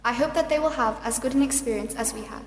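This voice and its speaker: A high-voiced South African girl in her late teens, serving as deputy school captain, formally reads a prepared prize-day speech at a ceremony in a large school hall. Echo, background music, and a little hiss or hum color the recording.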